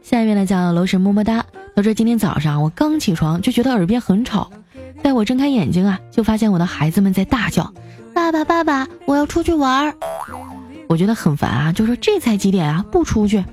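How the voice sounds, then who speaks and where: A woman's voice: quick pace, soft background music. Woman host reading funny listener jokes. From China. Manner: lively, jumps up in pitch for quoted lines and laughs at jokes. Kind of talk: comedic joke-reading show.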